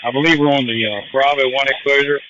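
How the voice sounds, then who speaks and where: A man's voice: medium pitch, fairly even intonation, quick pace, a bit bright. A man giving firefighter radio reports to command from the fireground over a two-way radio. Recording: noisy, muffled firefighter radio transmission.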